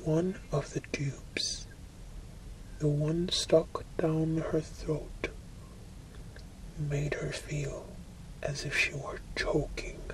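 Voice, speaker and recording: Very slow whispered ASMR reading. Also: mid-range voice, little pitch movement, low-quality recording. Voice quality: soft, breathy whisper. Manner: slow, deliberate, with frequent pauses. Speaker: ASMR reader.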